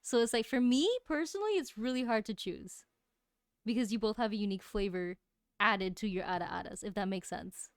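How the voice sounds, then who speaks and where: A woman hosting a casual chat stream, talking in an animated, giggly way. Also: mid-range voice, a little fast, clear, resonant tone, dry recording, clean studio sound. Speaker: streamer host.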